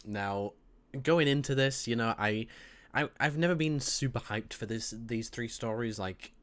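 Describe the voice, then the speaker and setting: A man's voice: medium pitch, measured pace, fairly bright tone. A man co-hosting a casual podcast chat, talking in a loose, rambling way. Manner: rambling, chatty. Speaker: co-host.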